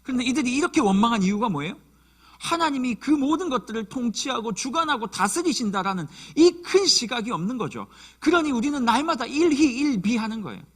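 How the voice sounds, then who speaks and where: A man's voice: very high voice, sing-song, fairly quick, fairly bright tone, breathy edge. A man in his thirties preaching a sermon as a youth pastor, telling the story vividly and acting out the quotes.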